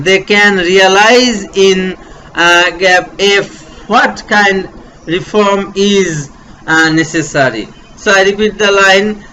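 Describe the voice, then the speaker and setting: Slow, bright-voiced Bangladeshi male teacher. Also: high-pitched, a little hiss or hum, low-quality recording. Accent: Bangladeshi English. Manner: slow, repetitive, step-by-step explaining with fillers. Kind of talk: online English grammar lesson.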